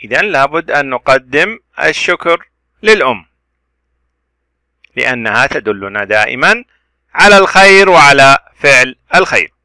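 A man teaching children to read, spelling out letters and vowel marks slowly and stretching the words. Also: mid-range voice, big pitch swings, dry recording. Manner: bright, clear, dry close voice. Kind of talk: children's reading lesson.

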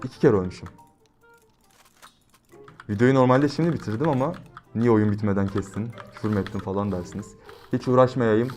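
A young man commentating his gameplay, brash and slangy, switching between loud outbursts and quiet, reflective motivational talk. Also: mid-range voice. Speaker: gaming YouTuber.

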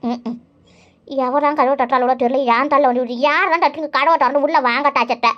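A woman's voice: high-pitched, fairly even intonation, a little fast, natural voice. A woman voicing a bitter, quarrelsome elderly mother-in-law in a cartoon, nagging and sarcastic. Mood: scolding. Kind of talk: cartoon voice acting. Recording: dull lo-fi recording.

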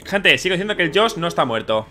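A man's voice: a little high, very animated, fast, pushed and bright. A man in his thirties giving chatty, wry casual gameplay commentary to viewers as a streamer. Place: small gaming room at home. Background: faint horror game sound.

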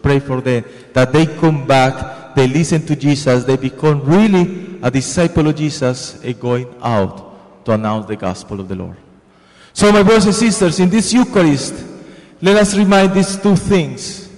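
Holding a microphone and gesturing as he preaches, a young priest from Colombia delivers a repetitive, earnest homily in a big church sanctuary, speaking with a Spanish accent. His voice is on the high side and a bit mellow, his pace moderate, and the recording carries long church reverb.

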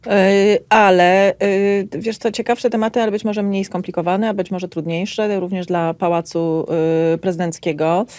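A woman in her forties co-hosting a political podcast, talking in a lively, emphatic, ironic way on a desk mic. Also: medium pitch, normal speed, few pauses, no room sound. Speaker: political commentator co-host. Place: small dark padded studio. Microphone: studio mic on desk. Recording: dry close studio sound.

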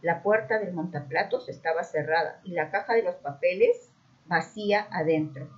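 A woman narrating a children's mystery story aloud, expressive and acting out the dialogue. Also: lowish voice, moderate pace. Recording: dull muffled recording.

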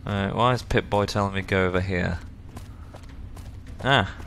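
A man's voice: low-pitched, moderate pace, fairly bright tone, a little hiss or hum. A man doing casual let's play commentary, reading dialogue choices aloud in role-play.

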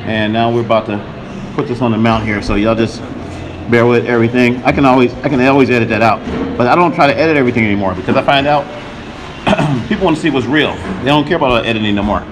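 A fast-talking man with a medium-pitched voice, in his forties, casually walks viewers through his streaming rig and keeps repeating himself. Recorded at night in a noisy coffee shop, the audio comes from a camera mic used handheld and then on a tripod.

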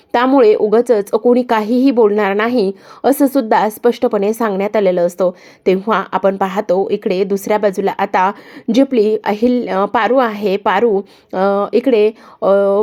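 A woman narrates a TV serial recap in a conversational storytelling style. She strings events together with repeated linking phrases and speaks directly to viewers. Her pitch sits in the ordinary middle range. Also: dark tone. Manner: conversational, repetitive connecting phrases.

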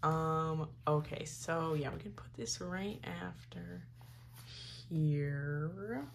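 Low, gravelly-voiced woman chatting slowly. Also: slight background noise. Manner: rambling, giggly, full of "like" and restarts; drifts into soft mutters while sorting cards. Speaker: K-pop photocard collector vlogger. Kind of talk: casual chatty vlog.

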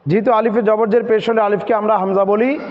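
A man's voice: sits high, steady tone, brisk. A man teaching Quran reading step by step, drilling letters and syllables and answering his own questions. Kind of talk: step-by-step recitation lesson. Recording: dull reverberant hall sound, faint noise.

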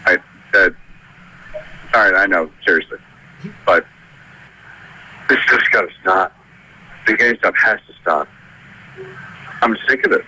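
Drunk man leaving a slow voicemail. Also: sits low, pushed and bright. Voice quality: sultry. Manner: halting, repetitive, trailing off. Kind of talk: rambling voicemail message. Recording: voicemail with background noise. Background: noisy bar ambience.

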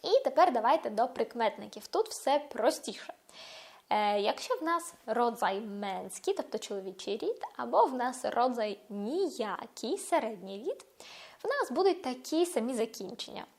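A woman teaching a Polish lesson for beginners, explaining patiently and saying example words slowly and carefully. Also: a little high, sing-song. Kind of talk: online language lesson.

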